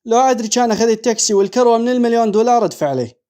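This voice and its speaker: A man as a quick, high-voiced Iraqi dad. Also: expressive, mellow, smooth. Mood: eager. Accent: Iraqi Arabic. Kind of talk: cartoon voice acting.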